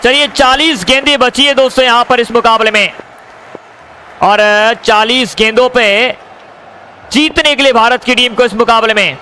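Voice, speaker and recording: A man giving excited live cricket commentary, addressing viewers as friends and repeating stock phrases. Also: very high voice, normal speed, poor audio. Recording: crowd and noise behind the voice.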